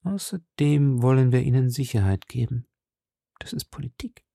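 A man reading an audiobook, voicing an irritable, commanding king who speaks imperiously and loudly. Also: mid-range voice, expressive, normal speed, vocal fry, no room sound, studio quality. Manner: imperious, loud, exasperated. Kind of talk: audiobook character voice.

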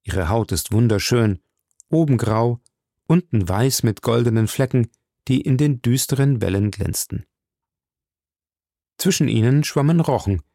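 A man narrating an audiobook in a measured storytelling manner. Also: medium pitch, creaky, dark tone, no echo, clean studio sound. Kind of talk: scripted narration.

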